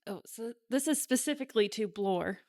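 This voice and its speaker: A woman co-hosting a book podcast in casual chat, with quick apologetic asides. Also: a little high, expressive, darkish tone. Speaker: podcast co-host.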